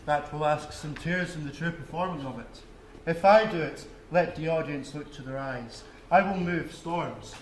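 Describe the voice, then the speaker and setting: A man playing a boastful, hammy male weaver in a stage play, booming and grandiose. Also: normal speed, lightly acted. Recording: echoey hall, faint noise.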